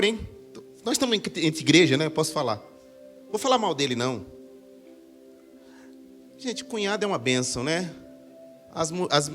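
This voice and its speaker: Middle-aged Brazilian pastor, bright lively sermon delivery with soft music underneath. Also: male voice, on the high side. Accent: Brazilian Portuguese. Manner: animated preacher, jokes with the crowd, shouts for emphasis. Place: church sanctuary.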